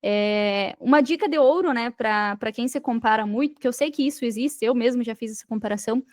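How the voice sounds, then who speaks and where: A Brazilian digital marketer, guesting on a podcast, speaks briskly in a fairly high voice with a motivational message. She addresses listeners head-on and repeats phrases for emphasis, in crisp studio audio with no room sound.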